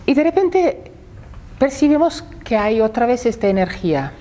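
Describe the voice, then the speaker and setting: Speaking at a normal speed, this Italian woman in her sixties has a slightly high, very animated voice with a dark tone. A native Italian speaker with an Italian accent, she is giving a public talk and keeps repeating words as she reaches for them.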